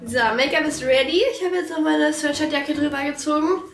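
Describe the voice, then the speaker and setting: A woman's voice: high-pitched, brisk, echoey room, soft background music. A young woman chats casually to viewers in informal, slang-sprinkled speech, her articulation slightly affected by braces. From Germany. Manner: chatty, informal with English slang. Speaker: vlogger.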